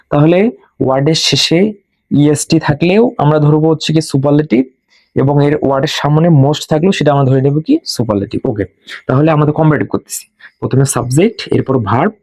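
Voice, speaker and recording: A man's voice: on the high side, a little mellow, no echo. Bengali-speaking man drilling grammar rules. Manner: slow and drilling, repeats rules for students to memorize. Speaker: English grammar teacher. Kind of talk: classroom lesson.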